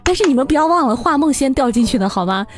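A woman's voice: high-pitched, animated, fast. A woman hosting a live-streamed party game in casual talk, playful and often laughing. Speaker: livestream host. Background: background music.

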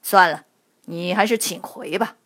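A woman's voice: on the low side, measured pace. A woman voicing a loyal male general who speaks steadily and firmly. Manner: steady, firm refusal.

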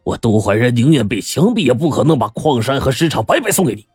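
A man's voice: sits low, moderate pace, darkish tone, slightly rough, no room sound, clean studio sound, soft background music. A male storyteller voicing a cornered middle-aged mine boss who speaks in a clipped, angry way. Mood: furious.

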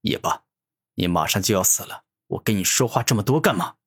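A man voicing a cocky young male hero who taunts his enemy, with a husky voice. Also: on the low side, expressive, fairly quick, fairly bright tone. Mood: lecturing. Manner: taunting, sneering.

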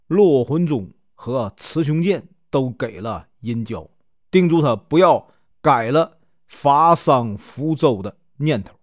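Chatty man telling a legend, lively voice. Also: mid-range voice, dry recording, clean studio sound. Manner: chatty, lots of filler particles. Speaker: storyteller. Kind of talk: casual folk storytelling of a classic legend.

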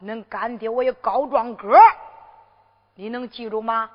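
A woman's voice: on the high side, a little slow. Woman playing a fatherly disguised emperor, Henan accent. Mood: fatherly, teasing. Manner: lively, teasing and scolding in turn. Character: disguised emperor posing as a wandering fortune-teller, fatherly. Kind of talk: Henan zhuizi storytelling. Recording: dull lo-fi recording with long reverb.

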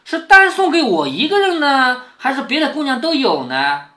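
A man voicing a touchy, sharp-tongued young noblewoman, pointed and cool in a storybook reading. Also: very high voice, wildly swooping pitch, moderate pace, pitched above the performer's own voice, full character voice. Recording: roomy echo.

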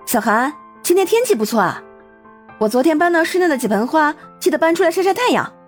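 A bright young actress, voiced by a woman in an audiobook, caring and cheerful. Her voice sits high and swings freely between notes. She rattles off friendly reminders in a chatty flow. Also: quick pace, faint music behind. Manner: lively, chatty instructions.

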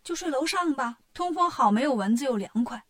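A woman's voice: high voice, animated, brisk, no echo, clean studio sound. A woman voicing a chatty, bustling middle-aged innkeeper in a children's story, eager to please her guests. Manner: bustling, chatty, loud when calling out.

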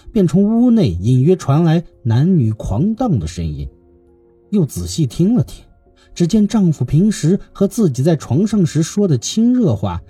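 A man narrating a classical tale in a lively, expressive reading as the storyteller of his channel. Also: fairly high pitch, husky, no echo.

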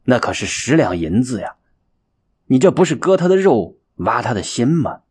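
A man narrating a folk tale as an expressive, dramatic storyteller. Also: medium pitch, moderate pace, breathy edge. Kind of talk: audiobook storytelling.

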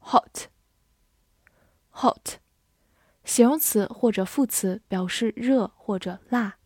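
A woman teaching English vocabulary, speaking with slow, careful enunciation and repeating words for drills. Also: mid-range voice, dark tone, breathy edge, dry recording, studio quality. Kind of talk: vocabulary lesson in Chinese.

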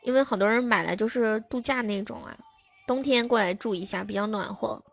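A woman's voice: a little high, a little fast, gravelly, soft background music. A young woman hosting a live stream, chatting casually with her viewers and answering their comments.

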